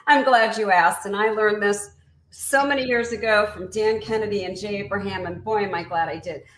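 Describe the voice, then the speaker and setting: A woman business coach being interviewed, explaining her method in an energetic, emphatic teaching tone. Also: medium pitch, normal speed, reverberant.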